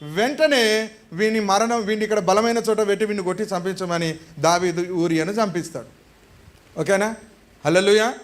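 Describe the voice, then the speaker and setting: A male pastor preaching a sermon, telling a story in a lively way and putting questions to the congregation. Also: sits high, moderate pace.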